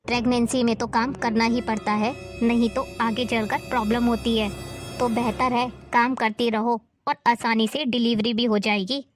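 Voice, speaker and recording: A woman's voice: a little high, steady tone, moderate pace, over music, close to an everyday voice. A woman playing an older mother-in-law who nags and taunts in a family drama. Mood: scolding. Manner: scolding, taunting. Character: nagging older mother-in-law, harsh and scornful.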